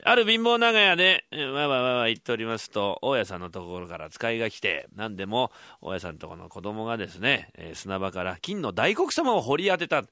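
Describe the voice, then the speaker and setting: A man hosting a live radio show and performing a short rakugo story, switching quickly between the voices of many townsfolk. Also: lowish voice, no echo, studio quality. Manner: fast, lively Edo-style storytelling.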